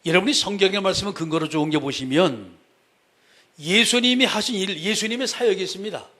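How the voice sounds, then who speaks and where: A man's voice: sits high, a little fast, pushed and bright. A male pastor preaching a sermon in a conversational way, speaking straight to the congregation and repeating his key phrases for emphasis.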